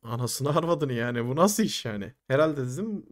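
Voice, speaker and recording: A man in his twenties tells a personal story in a casual, animated way, swearing freely and acting out what his friends said. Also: medium pitch, moderate pace. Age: 20s. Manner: animated, swears a lot, acts out friends' quoted lines. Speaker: podcast host telling a personal story.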